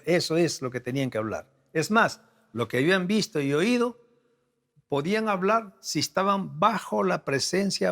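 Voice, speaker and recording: A male pastor from South America preaching at a leadership forum, teaching slowly with repeated key phrases and rhetorical questions. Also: on the high side, a bit bright. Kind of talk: sermon. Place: church or conference hall.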